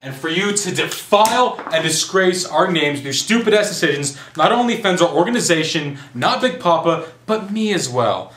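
A man's voice: a little high, lively intonation, normal speed, hardly any pauses, a bit bright, roomy sound, slight background noise. A man acting a sarcastic, menacing gangster who taunts his captive in an amateur short film. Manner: mocking, taunting, theatrical.

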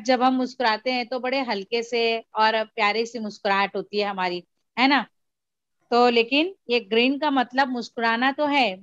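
A woman teacher takes a class through a story, slow and patient, going over each word again. Her voice sits a little high. The sound is dry and muffled, like a lo-fi recording. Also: fairly bright tone, dry recording. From India. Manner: slow, patient explaining, mixing Urdu with English and repeating words. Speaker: school teacher. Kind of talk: classroom lesson explaining a story.

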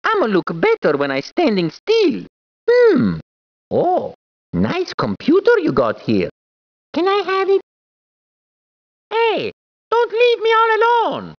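This is a heavily acted performance by a man with a very high voice and huge pitch swings, speaking slowly with long pauses and no room sound. He plays a playful, jokey, bouncy and eager cartoon plumber from a video game, using a put-on Italian accent while squealing and laughing. The game recording sounds dull and dry.

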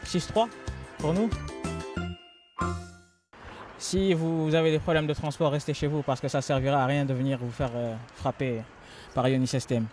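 A confident young man with a slightly high voice teases the rival team in a street interview. Faint music plays behind him. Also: steady tone, normal speed, pauses often.

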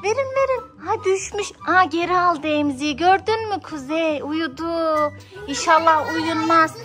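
A woman playing with her small children and talking to them in a lively, coaxing way for a family vlog. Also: very high voice, a little slow. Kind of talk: casual family vlog chat.

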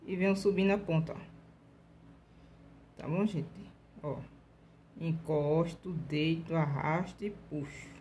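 A lowish, slightly mellow voice belongs to a Brazilian woman running a casual nail art tutorial, with a little hiss or hum audible. She has a Brazilian Portuguese accent, chats away, keeps checking in with viewers, and shows brush strokes step by step in a slow, deliberate way.

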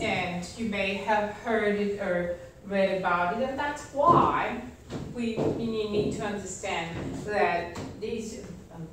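A woman teaching an English grammar lesson, patiently repeating examples and checking in with her students. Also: mid-range voice. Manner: patient, repetitive, checks understanding with "okay?". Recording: roomy, distant from the mic, faint background noise.

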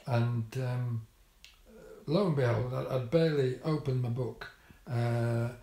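Older man, casual vlog storytelling, dry wry humour, mellow voice, roomy echo. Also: mid-range voice, slow pace. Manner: dry, wry humour with many ums and restarts. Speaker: vlogger. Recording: echoey room.

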